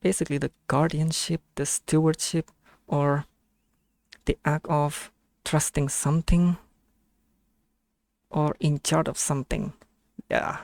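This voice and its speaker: An Indonesian-accented streamer with a gravelly, fry-laden voice in a dry, close-sounding recording. The delivery is casual and hesitant, with frequent self-corrections while thinking aloud in reaction to a video. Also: medium pitch, fairly even intonation, slow pace, long pauses, a little mellow, no echo.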